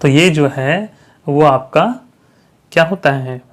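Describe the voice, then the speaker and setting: A man teaching a grammar lesson to exam candidates. He asks the viewers questions and answers them himself, and keeps checking that they follow. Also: fairly high pitch. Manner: checks understanding with frequent "thik hai"; stretches out example sounds slowly.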